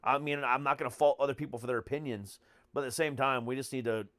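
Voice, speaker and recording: An American podcast host and comedian chats casually, speaking bluntly and swearing freely. His voice is medium-pitched, steady, and fairly bright, and he talks fast. The recording has no echo.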